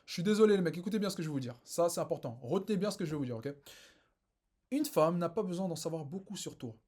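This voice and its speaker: A man coaching casually, emphatic, with big swings of pitch and repeated phrases. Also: lively intonation, fast, a little mellow. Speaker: dating coach. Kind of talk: casual street coaching advice.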